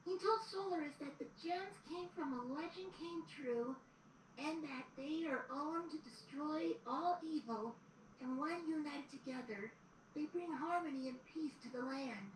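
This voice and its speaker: A woman voices a young boy dragon assistant reading history aloud in an audio drama, narrating storybook-style with earnest feeling. Her voice sits high and runs a little slow, and the replayed audio sounds roomy, distant, and noisy.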